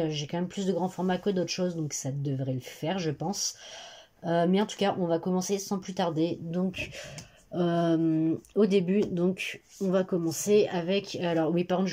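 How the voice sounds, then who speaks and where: A woman's voice: fairly low pitch, warm tone. A teenage girl chatting casually about the books she plans to read, rambling and hesitant, with many fillers, recorded on a phone in her bedroom. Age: teens. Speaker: booktuber. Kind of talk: casual chat. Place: bedroom at her parents' home. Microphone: phone camera.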